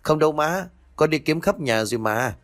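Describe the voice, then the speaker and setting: A man's voice: on the high side, animated, normal speed, dry recording, pitched above the performer's own voice, close to an everyday voice. A man voicing a frightened young girl from a wealthy house who pleads and weeps. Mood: pleading, tearful. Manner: pleading, tearful.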